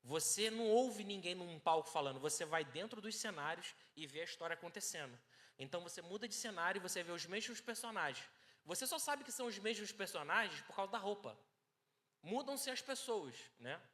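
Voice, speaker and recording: A man with a Brazilian Portuguese accent preaching a sermon with personal testimony, moving from hushed storytelling to loud exhortation. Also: sits high, animated, a little fast. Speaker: pastor. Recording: long hall reverb.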